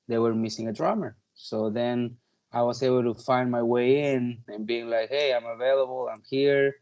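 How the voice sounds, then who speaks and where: Speaking with a darkish, mid-range voice on a lo-fi recording, a man in his thirties from Peru guests on an interview. The native Spanish speaker, a touring drummer, is chatty and casual, peppering his talk with "like" and "you know."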